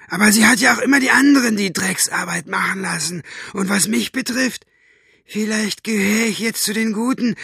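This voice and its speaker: A brutal henchman sneers and taunts in a high, gloating voice, put on by a man reading an audiobook. The tone is gravelly and husky, recorded dry and close. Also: bright, forceful tone, dry recording, full character voice.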